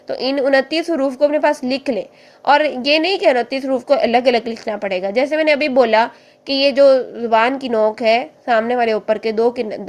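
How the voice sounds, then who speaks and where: Patient woman Quran teacher, fairly high voice. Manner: patient, explains step by step, demonstrates sounds slowly. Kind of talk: online Quran class.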